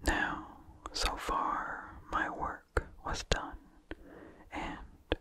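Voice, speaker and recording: A story reader performs a vintage horror tale for ASMR entirely in a breathy whisper, with no voiced tone at all. The pace is very slow and deliberate, with pauses between short phrases and soft mouth sounds between words, and there's no room sound.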